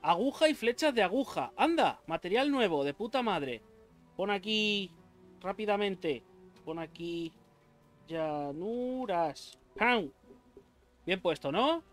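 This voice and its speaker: Excitable, high-voiced gamer guy. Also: slow, faint music behind. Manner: excitable, swears a lot, yelps when attacked. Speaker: gaming YouTuber. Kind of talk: let's play commentary.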